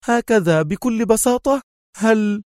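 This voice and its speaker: In a spy audiobook, a man voices a young male intelligence officer, pitching him well above the narrator as frantic and stubborn, with excited bursts of pleading and protest. His agitated, pleading delivery is unhurried, and the recording is close and dry with no echo.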